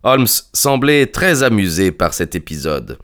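Male audiobook narrator, deep-set voice, measured literary reading. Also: very animated, fairly bright tone. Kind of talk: scripted narration.

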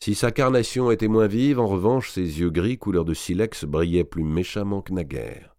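A man narrating a historical novel in a measured, dramatic storytelling manner. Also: low-pitched, dark tone, no echo, clean studio sound. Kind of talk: audiobook reading of a historical novel.

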